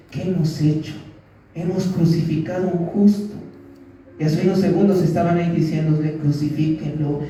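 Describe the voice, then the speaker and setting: A man's voice: a little high, dark tone, dull audio. Echoey man preaching a sermon. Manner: preaching with rhetorical questions and acted quotes. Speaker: pastor. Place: church. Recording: very echoey church hall, mic at a distance.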